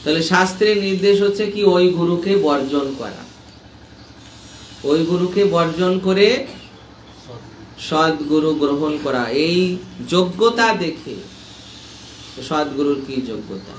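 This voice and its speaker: A man's voice: on the high side, lively intonation, unhurried, pauses often, slight background noise. A man teaching a scripture class, explaining patiently, repeating key points and checking that his listeners understand. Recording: echoey room with faint ambience.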